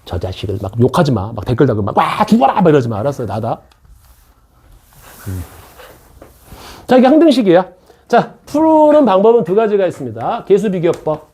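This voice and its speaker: This husky, warm-toned male voice runs on the high side, with big swings in pitch, a normal speed, and long pauses. He's a middle-aged math teacher in an academy classroom, giving a relaxed lecture and joking with his students between explanations.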